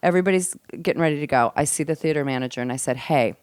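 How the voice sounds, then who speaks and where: A middle-aged woman comic telling stories as a podcast guest at the host's home, animated and acting out quoted lines. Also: very fast, smooth, dry recording. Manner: animated storyteller, acts out quotes in a high voice. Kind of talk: casual storytelling chat.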